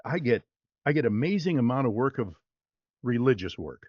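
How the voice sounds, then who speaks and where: A male voice-over artist, talking casually as an interview guest, in a relaxed and chatty way with fillers. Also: mid-range voice, normal speed, breathy edge, no echo, muffled recording.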